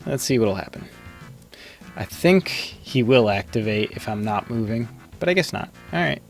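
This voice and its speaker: A man's voice: medium pitch, expressive, moderate pace, gravelly, faint music behind. A man giving casual, rambling live commentary as he plays a video game, thinking aloud.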